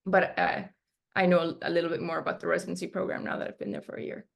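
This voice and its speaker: Speaking quickly with a flat delivery and vocal fry, this Argentine woman in her twenties, a dermatology resident, chats in an interview using lots of fillers. Her pitch is fairly low.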